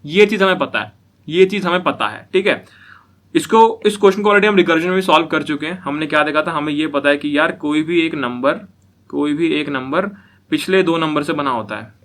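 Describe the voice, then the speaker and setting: A man's voice: fairly high pitch, a little fast, a bit bright. A young man giving a casual coding lecture, often repeating himself and checking whether listeners follow. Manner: repetitive, asks listeners if they follow. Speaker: programming teacher.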